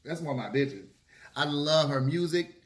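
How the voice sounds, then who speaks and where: A man's voice: a little high, expressive, normal speed. A man chatting casually to camera during a mukbang, opinionated and sassy, with emphatic, slangy, swearing delivery between bites. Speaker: vlogger hosting a mukbang. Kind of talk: casual chit-chat to camera while eating. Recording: roomy, echoey room sound.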